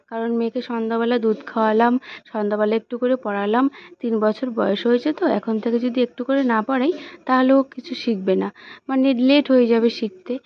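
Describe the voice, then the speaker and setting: A young woman vlogging from her home kitchen, chatting casually to viewers as she narrates her cooking and chores step by step. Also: a little high. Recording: dull lo-fi home recording.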